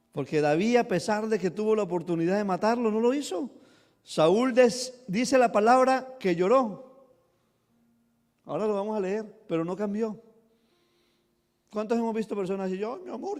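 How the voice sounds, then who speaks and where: A man preaching a sermon as a pastor, with sudden loud bursts of emphasis and quick acted asides. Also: high voice, long reverb tail. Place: church hall.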